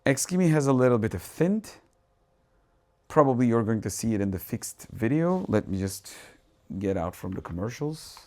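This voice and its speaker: Changing settings as he goes, a Turkish tech reviewer with a Turkish accent talks casually in a dark home cinema room, thinking aloud and breaking off into restarts and asides. The live demo features his mid-range voice, moderate pace and lively intonation.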